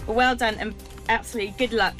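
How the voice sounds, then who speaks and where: A woman's voice: fairly high pitch, fairly even intonation, fast talker, loud music behind the voice. A woman giving casual feedback as a judge on a radio panel. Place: cramped radio studio.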